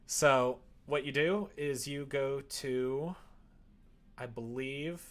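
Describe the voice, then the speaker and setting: Slow and a bit bright, this medium-pitched man talks casually on a livestream, wandering from thought to thought as he works on a tutorial. You can clearly hear background noise and typing on a keyboard.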